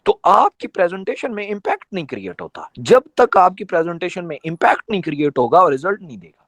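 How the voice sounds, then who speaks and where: A man gives a motivational training talk to his team in an emphatic, conversational way. His voice sits fairly high and swings widely in pitch as he drives his points home with rhetorical questions. The sound is dry and close, with no room echo. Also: sing-song, a bit bright. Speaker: network marketing trainer.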